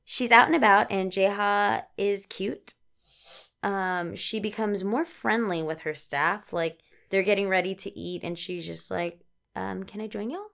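A woman's voice: medium pitch, fairly even intonation, unhurried, creaky, a bit bright. A woman podcast co-host chatting casually and informally, with some offhand swearing. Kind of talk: casual chat.

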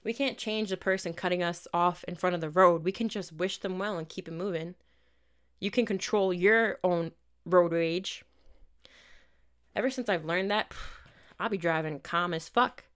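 A woman's voice: fairly low pitch, moderate pace, fairly bright tone. A young woman hosting a podcast, giving casual, candid self-help advice with plenty of swearing. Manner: candid, profane, self-help pep talk. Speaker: podcast host.

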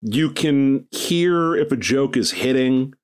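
A man's voice: mid-range voice, lively intonation, takes it slowly, clean tone. Rambling, joking podcast co-host man. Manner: rambling, jokey, slips into mock radio DJ voice. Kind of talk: casual chat.

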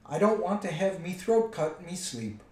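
A man voicing a quarrelsome, menacing troll from a storybook in rough speech. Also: high-pitched, lively intonation, moderate pace, a little mellow, voice pushed up. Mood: angry threatening. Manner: rough rustic threatening speech. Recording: roomy, distant microphone.

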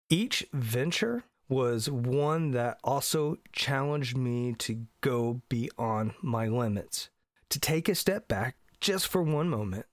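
A middle-aged podcast host from Indiana, congested from allergies, runs a solo show in an earnest, emphatic way. His voice is mid-range, and the recording is dry, with clean studio sound.

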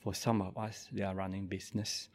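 A Buddhist monk in his forties from Malaysia introduces and leads a guided meditation in a low-pitched voice. He speaks slowly, softly and calmly, leaving gentle pauses.

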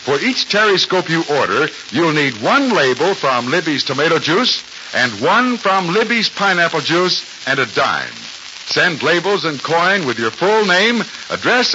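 A male radio announcer, heard on an old radio broadcast recording, eagerly pitching to children in 1940s style. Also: big pitch swings, unhurried, lo-fi sound, noisy background.

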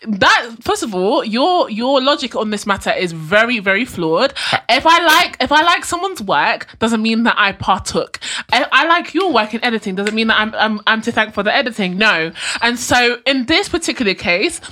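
Woman from Rwanda, podcast co-host, casual chat, emphatic and laughing, lively pitch. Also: moderate pace, few pauses. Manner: laughing, emphatic, argues her point with repeats.

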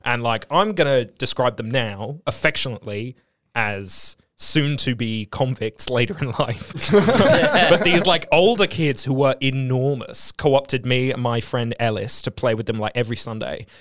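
A man chatting casually and telling animated comic stories, swearing freely. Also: mid-range voice, measured pace, no room sound, clean studio sound. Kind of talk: casual chat.

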